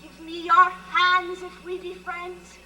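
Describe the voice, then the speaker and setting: An actress playing the mischievous fairy Puck, declaiming verse slowly in a stage play. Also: female voice, very high voice, monotone, bright, forceful tone, slight background noise, full character voice. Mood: pleading. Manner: chanting, slow and declaiming. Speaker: stage actor. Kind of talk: Shakespearean stage acting.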